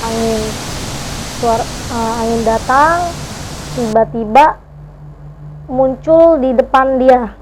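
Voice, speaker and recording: A woman's voice: on the high side, steady tone, slow pace, pauses often, noisy background. A woman guest telling a neighbour's ghost story in casual talk, hesitant and full of fillers, acting out shocked gasps.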